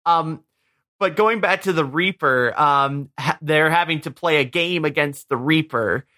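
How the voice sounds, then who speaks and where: Hesitant, bright-voiced podcast co-host. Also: male voice, on the high side, a little slow. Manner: hesitant, many fillers and restarts. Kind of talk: casual movie discussion.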